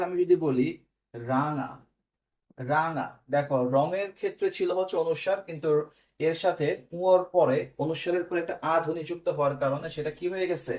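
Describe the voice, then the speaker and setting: A young man, teaching an exam-prep class online and explaining step by step while checking that his students follow. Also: on the high side.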